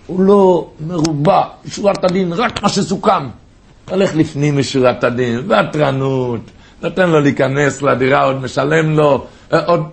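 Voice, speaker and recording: A man delivers an impassioned sermon built on stories, his voice high. It carries a gravelly edge throughout. He climbs to sharp cries at the peaks. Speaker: preacher.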